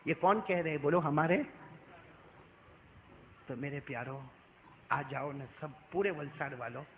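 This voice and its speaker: High-voiced Mewati preacher, tinny sound. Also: male voice. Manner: dramatic, swings from soft to shouting, questions the crowd. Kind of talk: storytelling sermon. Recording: tinny phone-like recording with faint hiss.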